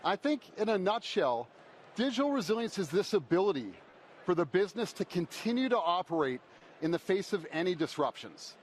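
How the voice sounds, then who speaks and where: A man's voice: high-pitched, very animated, brisk. A man giving a podium speech as a conference presenter, explaining step by step and posing questions that he then answers. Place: conference stage. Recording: faint background noise.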